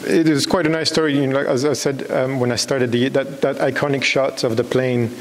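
Speaking from a stage in a big, dark hall full of people, a Belgian man in his thirties, a documentary maker, fumbles through an unscripted answer with repeated false starts. His middle-range voice keeps a fairly even intonation, and the recording carries long reverb and audible hiss.

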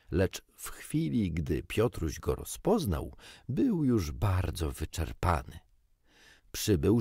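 A man reading a children's storybook aloud with gently wry, expressive storytelling. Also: deep voice, slightly rough, dry recording, clean studio sound. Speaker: audiobook reader. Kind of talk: storybook narration.

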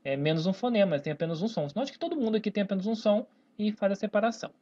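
Brazilian accent, whiteboard grammar lesson, slow syllable-by-syllable words, a dull lo-fi sound. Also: mid-range voice, dark tone. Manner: stretches words out slowly syllable by syllable, tags lines with "né?" and "tá, pessoal?". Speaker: Portuguese teacher. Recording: dull lo-fi recording.

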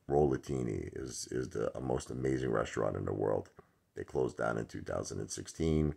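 A middle-aged Brooklyn man talks loosely into a phone held at arm's length, full of fillers and asides. His voice sits extremely low with a gravelly fry. It is a casual vlog from a dark room at home. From Brooklyn, New York. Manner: rambling, chatty, many fillers. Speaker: stock vlogger. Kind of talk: casual chat to camera.

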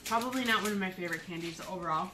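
A woman's voice: fairly low pitch, rapid-fire. A woman in her thirties chatting casually with a child, explaining things and asking simple questions, recorded at a table indoors. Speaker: mother co-hosting a candy review with her child. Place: indoors at a table in a home room. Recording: roomy, noisy home phone-camera recording.

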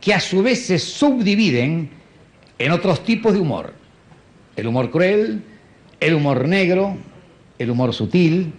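A man performing a stand-up comedy monologue in a dry, understated deadpan manner. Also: on the high side, measured pace, pauses often. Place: stage before a live audience. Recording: live show with audience and faint noise.

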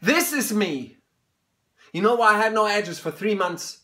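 A man in his thirties or forties playing an anguished, bitter grown son in an intense stage monologue, speaking emphatically with halting pauses. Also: sits high, expressive, pushed and bright. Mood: angry, accusing. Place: small indoor room.

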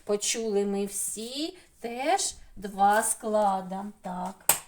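A woman's voice: mid-range voice, lively intonation, very slow, a little mellow, slight background noise. A woman with a Ukrainian accent teaching young children online, stretching out syllables in a sing-song way. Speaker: preschool teacher.

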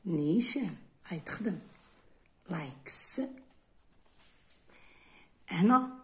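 Woman, Algerian Arabic accent, English teacher, exam correction lesson, step-by-step explaining, unhurried, lively pitch.

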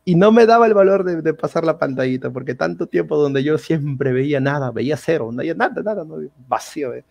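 A young man, a guest telling his story in a casual, animated interview and acting out the dialogue. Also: a little high, fairly quick, gravelly. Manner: animated retelling full of quoted dialogue.

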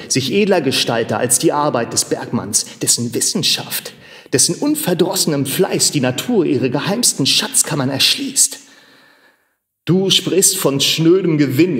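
A man voicing a stern, proud old miner who urges and scolds in a grave, deliberate way. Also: medium pitch, natural voice. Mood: indignant. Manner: urging, grave, at times angry. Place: large machine workshop hall in a theater. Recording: long reverb of a large hall.

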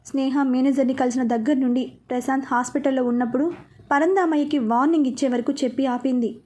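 A woman narrating a serialized drama story in a steady, expressive reading. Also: high-pitched, fast talker.

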